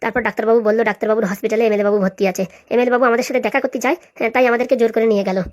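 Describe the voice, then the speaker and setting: A woman voicing a gruff, impatient village man in a cartoon who gives orders as he talks. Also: on the high side, steady tone, very fast, voice pushed down, lightly acted. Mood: telling. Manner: gruff, commanding. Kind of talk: cartoon voice acting.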